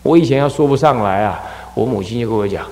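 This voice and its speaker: Man, Buddhist abbot, lively dharma lecture, roomy echoing hall. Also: mid-range voice, quick pace. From Taiwan. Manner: animated, acts out scolding parents and crying children. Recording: echoey hall with long reverb.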